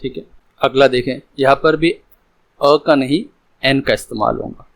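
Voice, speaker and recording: Male grammar teacher, unhurried, patient, repeats examples, checks understanding. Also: mid-range voice, creaky, poor audio. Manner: explains slowly, repeating examples and asking "है ना". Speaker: English teacher. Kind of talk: grammar lesson.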